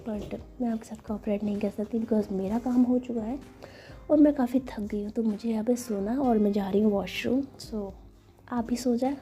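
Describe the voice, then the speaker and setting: A woman's voice: fairly high pitch, steady tone, normal speed, mellow, lightly acted. Woman voicing Ruhi, teasing young woman. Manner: teasing, giggly.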